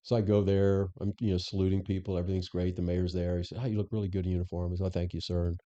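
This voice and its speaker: Mellow-voiced man telling stories. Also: low-pitched, flat delivery, rapid-fire, highs cut off. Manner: anecdotal, acts out quoted dialogue. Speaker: interview guest, former police superintendent. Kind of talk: conversational storytelling.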